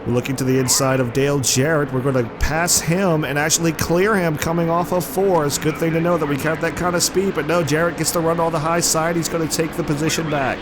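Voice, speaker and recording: A man with a sore, congested throat from flu commentates play-by-play over his own racing game, getting excited whenever the car slides. His voice is a little high and fast, with hardly any pauses, and racing game engine noise sounds behind him.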